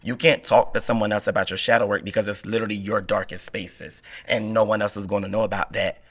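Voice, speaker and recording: A man in his thirties, a therapist, explaining things in a relaxed podcast chat and asking rhetorical questions. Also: fairly low pitch, fast talker. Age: 30s. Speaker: therapist guest.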